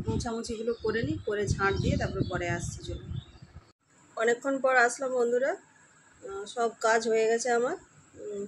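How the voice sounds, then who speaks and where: A woman with a West Bengal Bengali accent chatting casually at home in a daily vlog, her voice slightly hoarse, often trailing off as she talks. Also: mid-range voice, a little hiss or hum, low-quality recording. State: voice going hoarse from the heat. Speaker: housewife vlogger. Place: at home, indoors.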